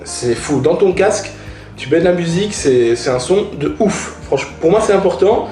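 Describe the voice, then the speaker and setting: Fairly high-pitched yet dark in tone, this man talks animatedly at a moderate pace in an echoey room, with soft music underneath. As a motorcycle vlogger reviewing gear, he addresses viewers informally, using slang and repetition for emphasis.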